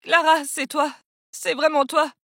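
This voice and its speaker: A woman's voice: high voice, flat delivery, a little slow, a bit bright, no echo, clean studio sound. A woman voicing an estranged middle-aged father who speaks earnestly, in a narrated story. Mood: moved.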